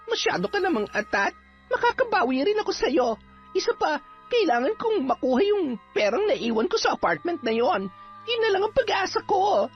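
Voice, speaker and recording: A woman plays a cornered young sorceress in an audio drama, her voice sitting very high and leaping all over as she snaps and scolds. The sound is dull and lo-fi, with faint music underneath. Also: big pitch swings, moderate pace. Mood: angry, bitter. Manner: sharp-tongued, scolding, defiant. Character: bitter, hot-tempered young female sorceress on the run. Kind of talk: Filipino audio drama acting.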